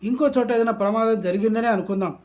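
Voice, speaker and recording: A man with a high-pitched voice delivers satirical political commentary. He talks in a mocking, sarcastic rant. He is from Andhra Pradesh. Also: quick pace, a little mellow.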